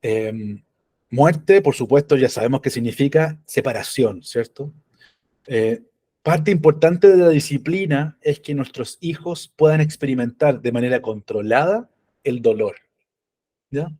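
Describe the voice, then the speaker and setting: A middle-aged man with a warm, husky, medium-pitched voice gives a conversational church talk on parenting at a measured pace. He often checks in with the audience and tells personal stories with playful humor.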